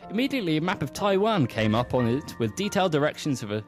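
A man's voice: fairly high pitch, very animated, fast talker, faint music behind. A man telling a comic story with playful, teasing asides.

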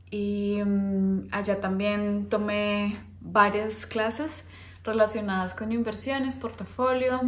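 A Colombian woman in her thirties hosts a podcast, chatting casually about her own life with lots of hesitations and small laughs. Her voice sits at a medium pitch, and the recording has a roomy sound.

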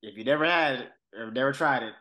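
A man's voice: medium pitch, quick pace, bright, forceful tone. A man co-hosting a podcast who talks in a laid-back, slangy, joking way. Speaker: podcast co-host. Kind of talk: casual recap chat.

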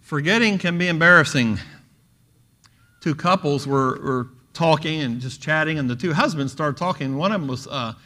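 A man's voice: on the high side, normal speed, bright, forceful tone. A middle-aged man preaching a sermon, telling jokes and stories and raising his voice for the quoted lines.

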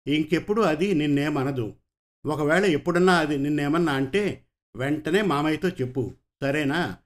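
A man reading the lines of a gentle, loving aunt in a storybook, with an affectionate, coaxing manner. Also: on the high side, moderate pace, close to an everyday voice. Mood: tender.

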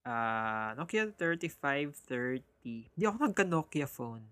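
A co-host in casual chat, giving short reactions and bursts of excitement. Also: mid-range voice, a little slow, clean tone, no echo. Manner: brief listening reactions, bursts of lively excitement.

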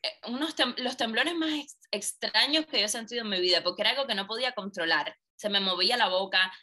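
A woman being interviewed shares a personal anecdote quickly, her voice in the mid range. She brings it to life by acting out what each person said.

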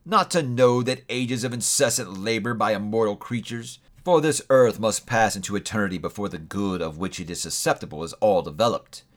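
A man voices a doomed old ghost in chains, a solemn, grieving character. His lowish voice stays close to an everyday voice, but his delivery is slow, heavy and mournful.

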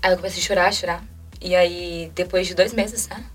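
A Brazilian woman in her twenties talks fast and emotionally, jumping into quoted lines of dialogue as she retells a personal story. She sits a bit back from the mic, and faint music plays underneath. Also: on the low side, steady tone, far from the mic. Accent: Brazilian Portuguese. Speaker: interview guest.

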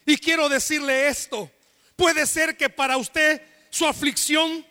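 Man, pastor, fervent sermon, sharp bright tone, long hall reverb. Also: very high voice, steady tone, measured pace. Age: adult, married. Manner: impassioned preaching with shouted appeals. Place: church service.

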